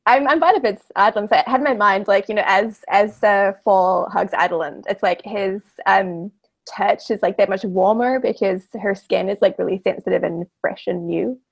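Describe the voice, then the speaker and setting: A woman playing a tabletop roleplaying game, narrating casually and haltingly as she thinks aloud. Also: medium pitch, gravelly.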